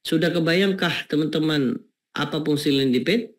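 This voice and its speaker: A man's voice: fairly high pitch, moderate pace. Chatty man teaching a webinar. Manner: chatty, repeats rhetorical questions to the audience, many fillers. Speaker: webinar host teaching landing pages. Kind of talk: casual online lesson.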